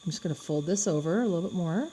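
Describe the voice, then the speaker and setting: A woman with a mellow, slightly low voice walks through a craft project step by step. She talks casually and thinks out loud while her hands are busy. Faint crickets chirp in the background. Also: lively intonation, very fast, a little hiss or hum. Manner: chatty, thinking aloud while working. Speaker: craft instructor.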